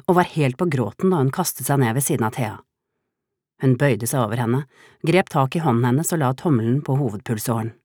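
Woman narrating a story in a low voice. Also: no echo, clean studio sound. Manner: calm, steady reading. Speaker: audiobook narrator. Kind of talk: scripted narration.

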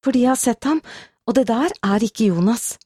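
A woman's voice: high-pitched, fairly even intonation, dark tone, dry recording, clean studio sound, pitched above the performer's own voice. A woman narrator voicing a frightened young woman who speaks in a trembling, urgent way.

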